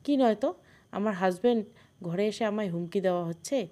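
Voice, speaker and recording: A woman's voice: medium pitch, brisk, dark tone, close to an everyday voice. A brazen young wife in a storybook, smug and mocking, as a woman narrator puts her on. Her voice is a plain mid-range woman's voice.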